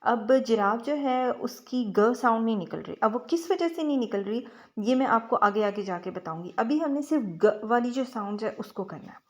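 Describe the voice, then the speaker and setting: A woman's voice: fairly high pitch, lively intonation, normal speed. A young woman teaching phonics, patiently sounding out letters and words one at a time. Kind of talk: slow teaching lecture.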